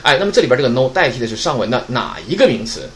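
A man's voice: mid-range voice, sing-song, rapid-fire, slight background noise. A man teaching a Japanese grammar lesson in Chinese, explaining step by step and often asking rhetorical questions to check understanding.

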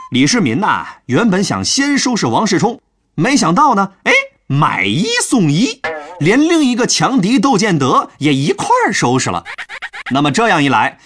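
A man's voice: fairly high pitch, a bit bright, slight background noise. A man telling a history lesson as a chatty, playful story. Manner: chatty, playful, with sentence-final particles.

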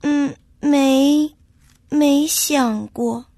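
A woman voicing a young male pony in a storybook tale, timid and unsure, with a high chirpy voice. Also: fairly even intonation, extremely slow, mellow, dry recording, heavily acted. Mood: hesitant.

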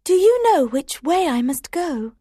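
A man's voice: very high-pitched, big pitch swings, a little slow, mellow, no echo, studio quality, voice pushed up, heavily acted. A man putting on a polite curious Alice. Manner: polite and wondering.

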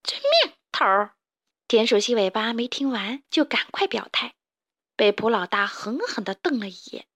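A woman's voice: a little high, normal speed, no room sound. Woman telling a children's story. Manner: gentle, expressive reading. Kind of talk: scripted storybook narration.

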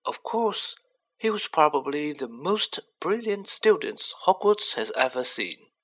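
A narrator puts on a very old wizard headmaster, gentle and wise. He speaks softly and slowly, in a raised, kindly register. A storybook voice with a bright tone. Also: fairly high pitch, very animated, pitched above the performer's own voice, heavily acted. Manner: soft, measured and gentle.

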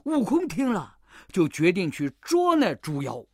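A storyteller narrating a classic tale for children, expressive and full of sound effects. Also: mid-range voice, a little slow, no echo, clean studio sound.

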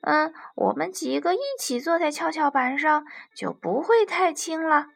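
A woman voicing a lively, excitable little monkey who exclaims loudly in a storybook. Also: high voice, unhurried, gravelly, faint music behind, heavily acted. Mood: cheerful. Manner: loud, exclaiming.

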